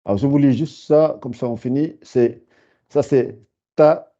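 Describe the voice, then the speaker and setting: A man teaching a beginners' lesson, patiently repeating words and sounding them out slowly. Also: medium pitch, warm tone. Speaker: Arabic teacher. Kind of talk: slow spoken lesson. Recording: dull lo-fi sound.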